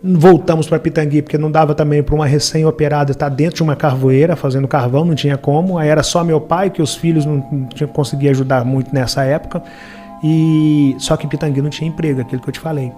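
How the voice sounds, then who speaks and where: A man's voice: a little high, steady tone, quick pace, dark tone, soft background music. A middle-aged man from Minas Gerais, Brazil, with a Minas Gerais accent, telling a personal story in an earnest, reflective way during an interview. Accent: Brazilian Portuguese, Minas Gerais.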